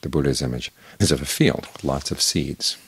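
An older man, a Buddhist monk, giving a calm, measured evening Dhamma talk with unhurried pauses and a husky voice. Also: rumbling low.

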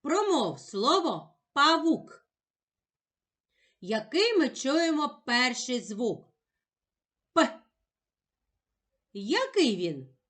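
A woman teacher talks young children through a lesson in a patient, encouraging way. Her voice sits a little high and swings widely with expression, and she sounds every word out slowly and carefully. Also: very animated, fairly bright tone. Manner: slow, carefully sounded-out speech.

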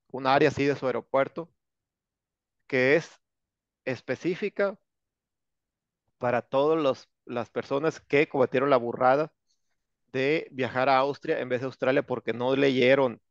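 A male English teacher with a Mexican accent, giving an online lesson in a sarcastic, slangy, joking way. His voice is gravelly with a lot of fry. The sound is dry and dull, like a lo-fi video call. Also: mid-range voice, a little slow, pauses often, dry recording. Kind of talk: online class lecture.

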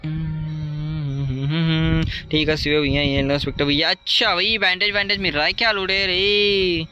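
A man casually commenting live on his gameplay, chatting with viewers and repeating words in rapid strings. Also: on the high side, steady tone, sharp tone, lo-fi sound, soft background music. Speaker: streamer. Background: faint ambient noise.

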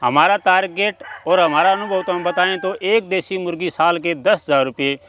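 A man's voice: high voice, moderate pace, a bit bright, a little hiss or hum. A middle-aged man, a poultry farmer explaining his work earnestly, step by step, in an outdoor interview. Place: outdoor farm among chickens. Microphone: handheld mic at mid distance. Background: chickens clucking and crowing.

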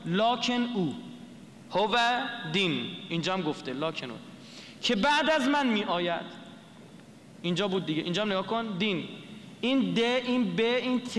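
A man's voice: high voice, fairly bright tone, big-room sound, a little hiss or hum. A man lecturing to an audience, explaining a script letter by letter and asking the listeners questions.

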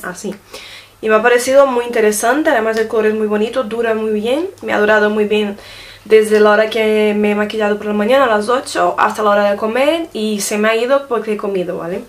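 A woman casually reviewing makeup gifts, showing each item to the camera and often checking in with her viewers. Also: medium pitch. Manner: chatty, often checks in with a quick question tag; shows items to the camera while talking. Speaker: beauty vlogger.

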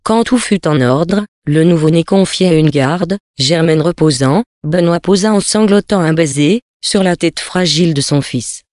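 A man reading a French novel aloud as an audiobook narrator, in a measured literary manner, giving the characters small shifts of voice. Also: a little high, a little mellow, no room sound, studio quality.

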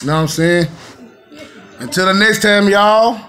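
High-voiced man in rowdy profane banter. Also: moderate pace, bright, forceful tone. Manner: profane, laughing mock-threatening banter. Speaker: vlog host. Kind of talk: rowdy comedic family vlog.

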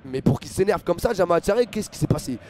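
A young man with a French accent doing live football commentary for a stream, excitable, with many fillers, talking to his chat viewers. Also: high voice, fast talker.

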